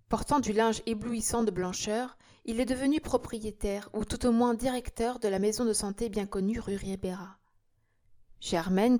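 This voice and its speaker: A woman narrating a classic novel in a measured, steady storytelling manner. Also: mid-range voice, no room sound, clean studio sound. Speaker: audiobook narrator.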